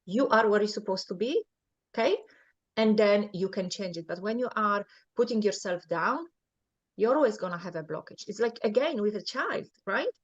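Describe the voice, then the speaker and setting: In muffled, lo-fi audio, an expressive woman from Poland with a mid-range voice offers coaching advice during an interview at normal speed. She speaks earnestly and keeps asking "right?".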